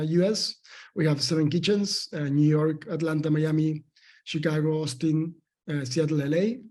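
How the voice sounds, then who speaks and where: Argentine man, mellow and thoughtful. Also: a little high. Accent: Argentine Spanish. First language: Spanish. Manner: thoughtful, with many fillers and restarts. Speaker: company founder and CEO. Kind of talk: interview answers.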